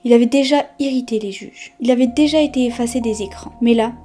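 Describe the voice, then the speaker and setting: A woman narrates a documentary in short, dramatic, punchy phrases. Her voice is mellow and dark yet sits slightly high. Faint music runs beneath her. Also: quick pace. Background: soft background music.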